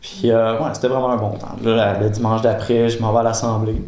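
A man with a Quebec French accent telling a personal story casually, animated, often laughing and acting out conversations. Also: lowish voice, a little fast. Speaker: guest giving a testimony. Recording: roomy with faint ambience.

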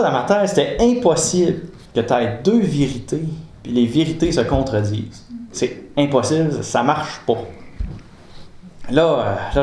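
Animated Quebec French man telling his story. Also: mid-range voice. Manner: animated, laughing often, acting out dialogue. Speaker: guest giving a testimony. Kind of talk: casual storytelling. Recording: roomy with faint ambience.

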